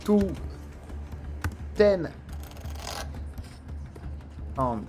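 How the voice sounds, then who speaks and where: A man in his twenties from France, hosting a gambling video with excited running commentary and bursting into shouts at wins. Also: high-pitched, very slow, over music. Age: 20s.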